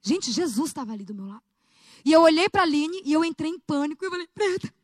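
A woman gives an emotional sermon testimony. Her delivery is animated and direct, and the sound is close and dry. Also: sits high, quick pace, dry recording. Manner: emotional, animated storytelling, addresses audience as gente. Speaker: preacher.

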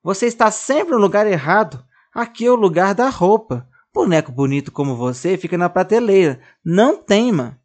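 A narrator voicing a small, lively girl who bosses her dolls around, in a high, expressive child's voice. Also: a little slow. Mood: mandona. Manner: fala aguda e expressiva de criança. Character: menina pequena, animada e mandona com os bonecos.

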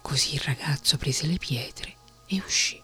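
A storyteller reading a fairy tale as a soft, steady, whispered bedtime story. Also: medium pitch, unhurried, husky, faint music behind.

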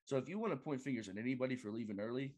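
Male podcast guest, casual sports talk, halting delivery that often circles back on itself, middle-pitched voice. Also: darkish tone. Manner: halting, lots of fillers and restarts.

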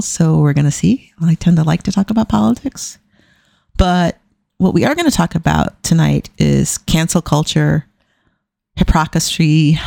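A woman's voice: low-pitched, gravelly, mellow, no echo, clean studio sound. A middle-aged woman hosting a podcast alone, chatting casually with irreverent, self-deprecating humour. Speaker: podcast host. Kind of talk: casual solo podcast talk.

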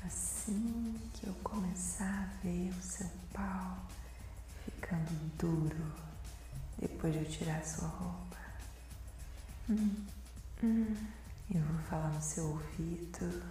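A Brazilian woman doing an intimate ASMR role-play, breathy and sensual, murmuring as if right in the listener's ear. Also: fairly low pitch, slow, pauses often, warm tone. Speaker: host of an erotic audio podcast. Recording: very echoey voice over faint music. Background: music.

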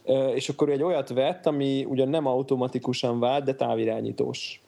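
A man's voice: medium pitch, little pitch movement, creaky, mellow. A man in a casual podcast chat, hesitant and trailing off with fillers.

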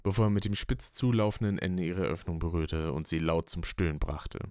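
A man narrates a written story with a steady, even reading. His voice is very low and smooth, recorded dry and close with no room sound. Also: normal speed, no echo. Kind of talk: scripted narration.

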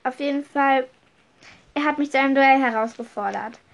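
A woman voicing an excitable young schoolboy wizard who stammers and apologizes. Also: high-pitched, slow, voice pushed up. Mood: anxious. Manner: stammering, flustered.

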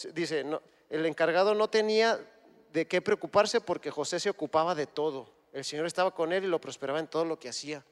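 A man's voice: a little high, clean tone, big-room sound. A man giving a conversational sermon, retelling scripture and acting out imagined dialogue. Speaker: guest preacher.

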